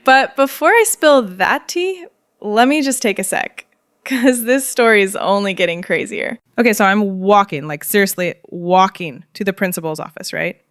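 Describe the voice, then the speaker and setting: A young woman tells a storytime vlog in a chatty, dramatic way, often breaking into giggles and slang aimed at her viewers. Her voice has an ordinary middle pitch. The sound is dry and close, with no room echo. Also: animated, moderate pace, fairly bright tone. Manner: slangy, addresses viewers directly. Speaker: storytime narrator.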